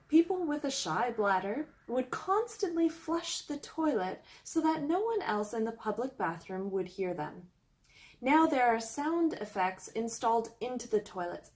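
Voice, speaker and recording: A young woman from Canada narrating a scripted travel vlog, reading out a countdown list in an upbeat, explanatory way. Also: a little high. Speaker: travel vlogger.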